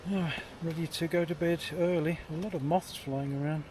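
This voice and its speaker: A British man casually narrating a camping vlog to camera, musing aloud in an understated, halting way. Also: a little high, steady tone. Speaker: solo camping vlogger. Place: outdoors at a windy jungle campsite and inside a tent. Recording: loud wind and outdoor noise. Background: wind and camp ambience.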